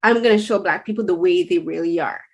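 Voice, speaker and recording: A woman's voice: fairly low pitch, fast talker, highs cut off. A woman from Barbados hosting an interview, talking in a chatty way and often restarting and rephrasing her questions. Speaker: interviewer host. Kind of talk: casual interview.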